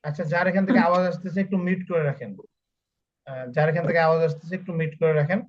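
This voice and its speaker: High-voiced patient male Quran teacher. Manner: patient, repeats each spelling slowly for students. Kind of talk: online class, spelling out letters. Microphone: online call audio. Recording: muffled lo-fi call audio.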